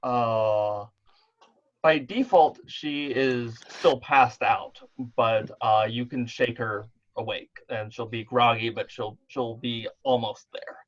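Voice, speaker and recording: A man running a tabletop game over an online call, narrating slowly in a laid-back, thinking-aloud way. His voice sits at an ordinary middle pitch. It comes through muffled, lo-fi call audio. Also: steady tone. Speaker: game master.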